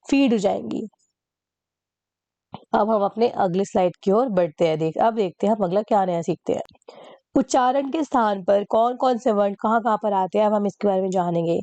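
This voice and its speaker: A woman's voice: mid-range voice, dark tone, dry recording. A woman teacher patiently explaining a lesson, repeating key points and asking rhetorical questions.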